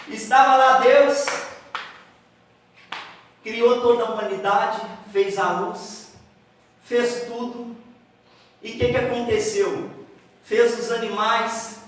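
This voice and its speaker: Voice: mid-range voice, a little hiss or hum. A preacher at a church camp tells a Bible story while volunteers act it out. The preacher talks straight to the crowd and gives playful stage directions. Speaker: preacher leading a camp skit. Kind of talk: lively sermon storytelling with volunteers acting it out. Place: large echoing hall at a church camp. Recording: echoey hall from far off.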